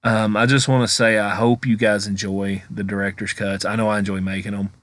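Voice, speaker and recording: A man giving casual, halting director's-cut commentary over his own investigation footage, rambling and thinking aloud as a vlogger does. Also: lowish voice, little pitch movement, a bit bright.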